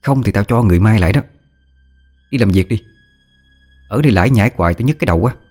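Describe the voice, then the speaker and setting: A man voicing an imperious scheming second wife who threatens in rapid scolding. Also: lowish voice, expressive, a little mellow, soft background music. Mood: threatening.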